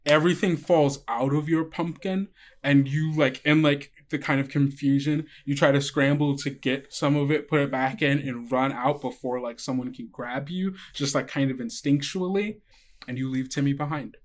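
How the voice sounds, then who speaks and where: With a steady tone in a mid-range voice, a man narrates a tabletop game as its game master. He makes it up as he goes, in a conversational style broken by halts.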